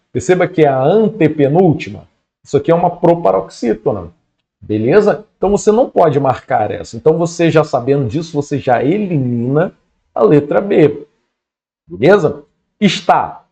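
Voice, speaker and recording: Casual Brazilian teacher, mellow voice. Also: male voice, a little high, lo-fi sound. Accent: Brazilian Portuguese. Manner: casual, keeps checking in with "beleza?". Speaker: Portuguese teacher for exam prep. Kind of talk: online exam-prep lesson.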